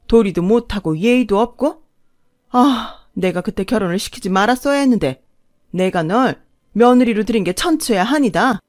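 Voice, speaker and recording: A high, shrill older mother-in-law, quick to explode and just as quick to fuss, voiced by a woman. Her voice rides loud and sharp. The recording is close and dry. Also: expressive, dry recording, lightly acted. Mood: angry. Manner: shrill, shouting, gushing.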